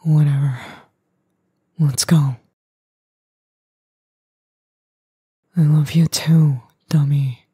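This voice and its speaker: A woman voicing an edgy young boyfriend, gruff but tender and worried, in a breathy, husky, halting ASMR role-play. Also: deep voice, fairly even intonation, mellow, no room sound, clean studio sound, exaggerated voice. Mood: grudgingly fond.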